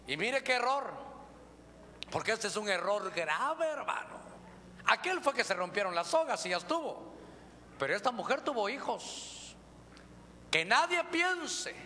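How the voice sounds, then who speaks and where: A male pastor with a Honduran accent, preaching a lively, joking sermon and calling listeners brother. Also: high voice. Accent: Honduran Spanish. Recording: reverberant church hall, faint noise.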